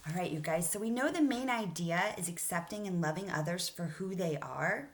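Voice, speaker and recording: This woman, playing an elementary school teacher, reads to young kids and walks them through a lesson, asking them questions as she goes. Her lowish voice moves at a normal pace with lively intonation.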